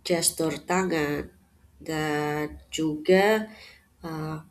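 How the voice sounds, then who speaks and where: Woman, lecturer, slow pace, lowish voice, filler pauses. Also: steady tone. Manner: measured, with frequent "eh" fillers and "ya" tags. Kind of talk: unscripted lecture.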